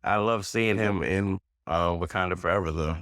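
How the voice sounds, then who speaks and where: A man's voice: low voice, normal speed, fairly bright tone, smooth, dry recording, clean studio sound. A man co-hosting a podcast in casual chat, laid-back and rambling, laughing often. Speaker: podcast co-host.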